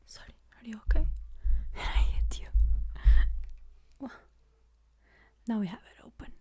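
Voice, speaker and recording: Slow, mellow whispering woman. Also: on the high side, expressive. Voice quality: soft whispering. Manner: slow, gentle walkthrough of a board game. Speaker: ASMR creator. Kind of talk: ASMR. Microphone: close mic.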